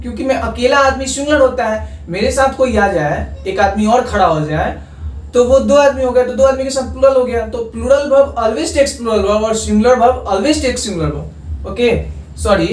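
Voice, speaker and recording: Echoey, distant male grammar teacher. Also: extremely high pitch. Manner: dictates example sentences slowly, checks in with "okay?". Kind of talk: video lesson. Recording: echoey room, far from the mic.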